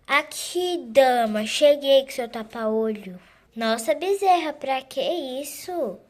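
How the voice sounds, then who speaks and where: A woman's voice: sits high, animated, takes it slowly. Bezerra, a young woman doing a huffy flight attendant. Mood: grumbling. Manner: huffy and put-upon. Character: rude, lazy female flight attendant.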